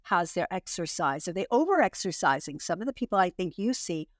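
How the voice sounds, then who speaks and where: A woman's voice: fairly low pitch, very animated, a little fast, no echo, studio quality. A woman hosting a health podcast, talking through a list of points and backing up her guest. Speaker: podcast host. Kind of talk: casual podcast interview.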